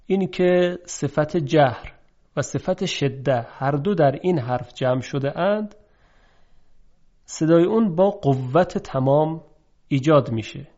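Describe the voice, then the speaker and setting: A man teaching a recorded lesson on Quran recitation, explaining each point in a measured way and slowing down to demonstrate sounds. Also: on the high side, darkish tone, muffled recording.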